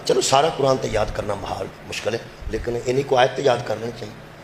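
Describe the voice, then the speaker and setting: A male preacher with a Punjabi accent giving a majlis sermon over a loudspeaker, swinging between fervent shouting and low confiding asides, often putting questions to the crowd. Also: reverberant, slight background noise. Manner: addresses the crowd directly with rhetorical questions. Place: religious gathering with loudspeaker. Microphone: loudspeaker microphone.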